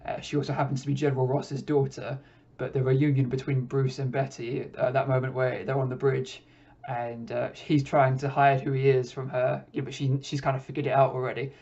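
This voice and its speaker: A man hosting a podcast, giving a casual, relaxed film review with frequent hesitations. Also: medium pitch, a little fast, creaky. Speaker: podcast host reviewing films. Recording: dull lo-fi recording.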